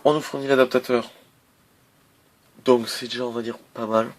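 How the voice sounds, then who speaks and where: A man's voice: mid-range voice, flat delivery, moderate pace, background noise. A man casually reviewing a laptop on camera, hesitant, with many fillers and restarts. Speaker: tech reviewer.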